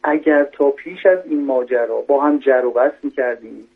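A man's voice: mid-range voice, vocal fry, slightly rough. A man, a doctor, giving methodical parenting advice on a radio call-in and laying out numbered points. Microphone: telephone. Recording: tinny phone line on radio.

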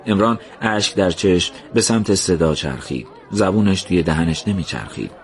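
Man, storybook narrator, low voice, calm, measured, gentle.

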